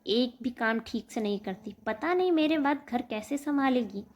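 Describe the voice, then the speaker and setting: A woman's voice: a little high, animated, normal speed, lightly acted. Woman doing a scolding old mother-in-law. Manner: scolding, loud. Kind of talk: storytelling.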